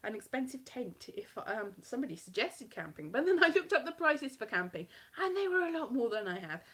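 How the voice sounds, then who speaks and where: A Welsh woman from South Wales, a comedian performing at a festival, speaks with a light West Country-tinged accent in a slightly high, husky, fairly bright voice. She's sing-song and fairly quick, chatting casually on a live stream from her home kitchen in a rambling, self-mocking way.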